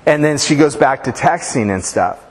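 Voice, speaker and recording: A man's voice: mid-range voice, animated, moderate pace. A man preaching a casual sermon, telling stories with informal asides, fillers and restarts. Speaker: pastor. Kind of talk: conversational sermon with storytelling. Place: church sanctuary. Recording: reverberant church hall.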